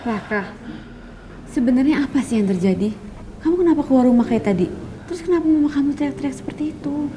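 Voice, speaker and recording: A woman's voice: high-pitched, expressive, fast, dark tone, soft background music. An insistent young girlfriend. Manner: insistent and pressing. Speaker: actress in a TV soap. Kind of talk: TV soap acting.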